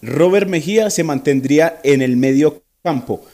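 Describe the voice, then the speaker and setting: A man's voice: on the high side, normal speed, dark tone. A man, a sports radio reporter giving team news politely with some hesitation.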